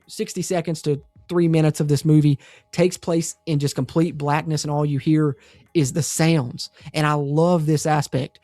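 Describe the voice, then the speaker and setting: Man, movie reviewer, rambling and enthusiastic, mellow tone, dry sound. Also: a little high, no echo. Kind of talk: casual spoiler review.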